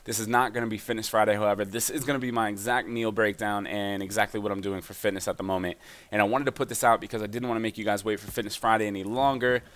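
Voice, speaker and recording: A young man chatting casually over gameplay, giving fitness and nutrition advice in an energetic voice-over. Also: fairly low pitch, fast talker.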